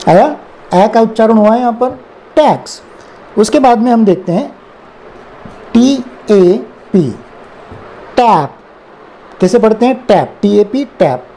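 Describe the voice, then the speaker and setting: Slow, mellow-voiced Indian English tutor. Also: male voice, high voice, gravelly, slight background noise. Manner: spells words letter by letter, then repeats them. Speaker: English teacher. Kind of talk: slow explanatory phonics lesson.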